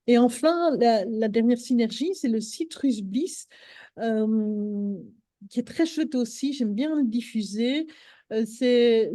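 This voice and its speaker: Woman, casual live-stream chat, halting with fillers, slightly high voice, dry close sound. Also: dark tone, no echo. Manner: hesitant, many fillers and restarts. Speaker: host of a live stream on essential oils.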